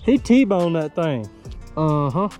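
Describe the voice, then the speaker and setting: Excitable man fishing from a boat. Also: a little high, slow pace, music in the background. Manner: excitable, talks to the fish, slangy. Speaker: fishing vlogger. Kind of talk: casual running commentary. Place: on a boat outdoors.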